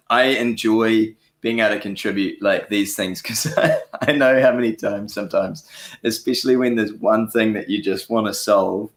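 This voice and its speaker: Male streamer host, lower voice, loose rambling delivery with frequent chuckles, roomy echo. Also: fairly bright tone. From New Zealand. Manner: rambling, self-correcting, chuckles often. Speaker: livestream host answering viewer questions. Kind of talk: casual live Q&A chat. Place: home studio.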